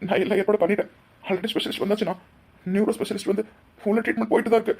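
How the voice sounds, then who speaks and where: A soothing younger brother in a cartoon drama, played by a woman, low and hushed as he breaks bad news. His husky voice stays gentle and steady. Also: racing. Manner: soothing, reassuring. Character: calm reassuring younger brother.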